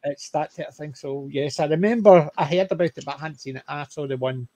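A man's voice: on the high side, brisk, dark tone, no room sound. A man from the UK co-hosting a podcast, chatting eagerly about old TV shows and trailing off mid-thought. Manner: chatty, enthusiastic, trails off and restarts. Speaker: podcast co-host. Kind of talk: casual chat about TV shows.

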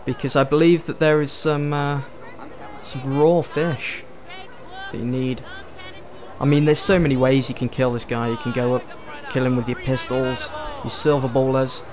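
A man's voice: medium pitch, little pitch movement, moderate pace, crowd noise. A man hosting a casual let's play, chatting, joking and thinking aloud as he plays. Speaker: gaming video host. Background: game music.

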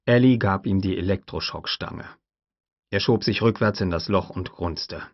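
A man with a very low voice narrates an audiobook in a measured, even manner. The sound is dry and close, with a slightly dull, lo-fi quality. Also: dry recording. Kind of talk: scripted narration.

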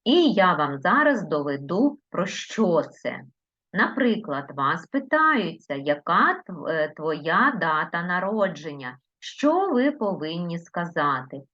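Slow sing-song Ukrainian woman teacher. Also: on the low side, sing-song, a bit bright, dull audio. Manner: slow, sing-song, stretches words, coaxing questions to children. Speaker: primary school teacher. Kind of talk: recorded remote lesson for children.

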